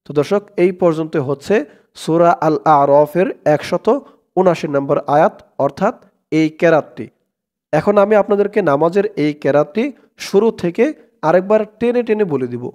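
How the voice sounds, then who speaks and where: A man teaching Quran recitation, spelling out each word and chanting the verses in long drawn-out tones. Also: a little high, darkish tone. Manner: slow drawn-out chanting of verses between plain explanations.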